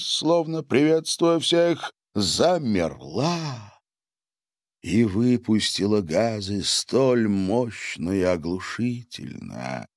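Slow, dry-voiced male audiobook narrator. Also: on the low side, no room sound.

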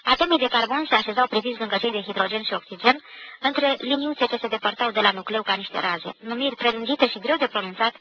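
A woman giving a measured, expressive literary reading of a novel for radio. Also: a little high, a little hiss or hum. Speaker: reader of a novel. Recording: dull lo-fi 1990 radio recording.

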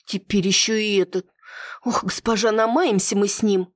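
A reader voicing a frightened, chattering young maid in an audiobook, muttering in a hushed voice. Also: medium pitch, steady tone, normal speed, dry recording, clean studio sound, pitched above the performer's own voice, lightly acted. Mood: frightened gossip.

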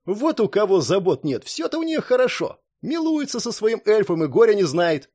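Brief: narrator as a brash grumbling young guy, raised pitch, lively. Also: moderate pace. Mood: sulky. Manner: surly, grumbling. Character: restless brash young man, wants war.

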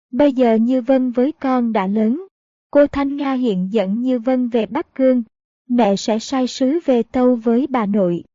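A woman's voice: fairly high pitch, mellow, dry recording, highs cut off, close to an everyday voice. A woman reading an earnest noble mother. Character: noble middle-aged mother, a princess. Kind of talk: audiobook narration.

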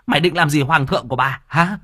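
A man voicing a cruel, shrill middle-aged stepmother who scolds fast and coaxes with fake sweetness. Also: big pitch swings, no room sound, studio quality. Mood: shrieking angry. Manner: rapid nagging, fake sweetness when coaxing.

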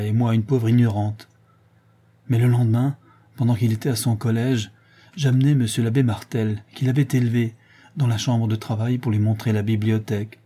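A man's voice: medium pitch, dark tone, slightly rough, natural voice. A man voicing a desperate middle-aged mother who pleads and protests to defend her accused son. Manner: pleading, indignant, breaking into cries.

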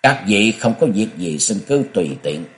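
A man's voice: fairly low pitch, sing-song, normal speed. A man doing a stern, proud old martial arts leader. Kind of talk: audiobook character voice.

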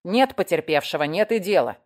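Audiobook: female reader doing a barking, impatient police sergeant, loud and clipped. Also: lowish voice, lively intonation, brisk, lightly acted.

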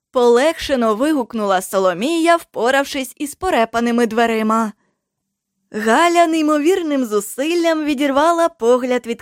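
High-voiced woman narrating an audiobook. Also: no echo, clean studio sound. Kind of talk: scripted narration. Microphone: studio microphone.

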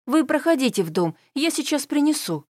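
A woman reader plays a kindly townswoman who speaks softly and soothingly. The voice sits a little high and the sound is dry. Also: sing-song, a little fast, no room sound. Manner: gentle, soothing. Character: kindly, sympathetic middle-aged townswoman.

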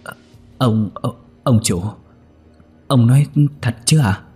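A man's voice: medium pitch, a little slow, a little mellow, husky, faint music behind. A man voicing a timid young male servant who stammers as he speaks. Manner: trembling, stammering.

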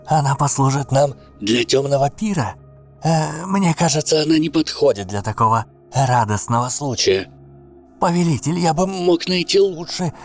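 A man's voice: medium pitch, voice pushed up, natural voice. A man voicing a fawning male henchman in a raised, eager voice.

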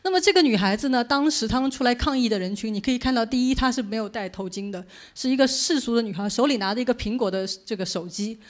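A woman's voice: fairly high pitch, fast talker, hardly any pauses. A woman speaker giving an informal public lecture in a conversational, explanatory way. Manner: conversational, explanatory, poses questions to listeners. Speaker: journalist giving a book talk.

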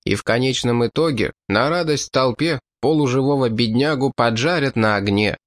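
A man's voice: medium pitch, moderate pace, natural voice. A man reading an audiobook, voicing a hard, ruthless French marquis who speaks in a blunt, ironic and contemptuous way. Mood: scornful.

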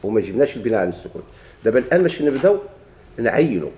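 A man with a Moroccan accent gives a grammar lesson in a dark, mellow voice. He poses a question, answers it himself, then drives the point home by repeating it. His pitch sits in an ordinary middle range. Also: very animated, rapid-fire. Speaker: teacher.

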